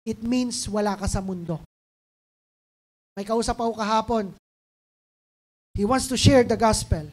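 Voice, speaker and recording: A woman's voice: fairly high pitch, measured pace, pauses often. A woman pastor with a Filipino accent preaching a sermon, pleading and emotional, building to fervent intensity. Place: church stage. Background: soft band music.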